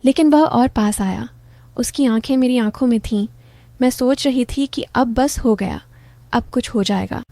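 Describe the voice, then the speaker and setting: A woman tells an emotional story in the first person, her delivery soft and confessional. Her voice sits somewhat high but stays mellow and warm, and she speaks a little slowly. The recording is close and dry.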